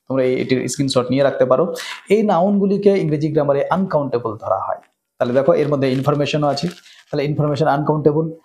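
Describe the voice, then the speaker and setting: A man's voice: on the high side, darkish tone. A man with a Bengali accent teaching English grammar, explaining each rule and often checking with "right?". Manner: asks "right?" often, reads example sentences slowly. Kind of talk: explanatory lesson.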